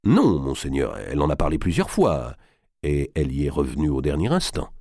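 Loyal old envoy, read by a man in his own deep voice, earnest and respectful. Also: sing-song, a little fast, mellow, no room sound, studio quality, heavily acted. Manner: deferential, earnest.

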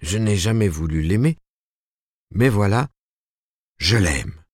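A man's voice: fairly low pitch, expressive, slow pace, dry recording, studio quality, voice pushed up, exaggerated voice. A man reading the part of an earnest, lovestruck young woman in an audiobook, tremulous and pleading.

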